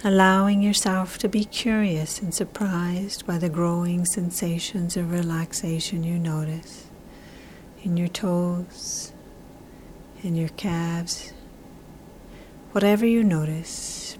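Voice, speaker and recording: A woman guiding a relaxation meditation in a soft, soothing, breathy half-whisper, with slow, drawn-out, repetitive phrasing. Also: on the low side, flat delivery, slight background noise. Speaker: relaxation guide.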